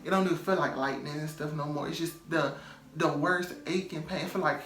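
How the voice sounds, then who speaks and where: A man's voice: fairly high pitch, steady tone, a little fast, a bit bright. A man telling a personal story in a loose, chatty way, full of "um" and "like" and repeated phrases for emphasis. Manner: loose, chatty, many "um" and "like" fillers. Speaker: storytime vlogger. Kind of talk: casual storytelling. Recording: roomy echo, faint music behind.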